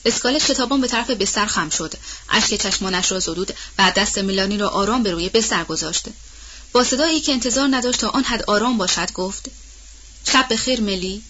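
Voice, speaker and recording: A woman narrating a novel as an audiobook, telling the story in a measured, expressive way. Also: mid-range voice, husky, dull audio.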